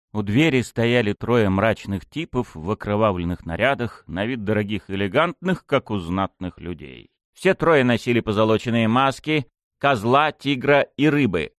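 A man reading a first-person audiobook aloud, telling it in a wry, expressive way. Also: no room sound, studio quality. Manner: wry, expressive storytelling with wide pitch swings. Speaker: audiobook narrator.

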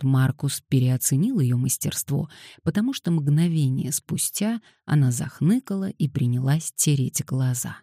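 A woman with a low, mellow voice narrates a novel in a measured, wry audiobook delivery. The sound is close and dry. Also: no room sound. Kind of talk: scripted narration.

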